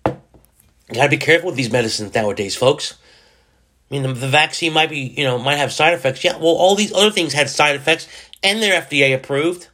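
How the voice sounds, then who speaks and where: Male solo podcast host, forties, slightly high voice, loose rambling jokey delivery that mocks himself. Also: bright, forceful tone. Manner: rambling, self-mocking and jokey.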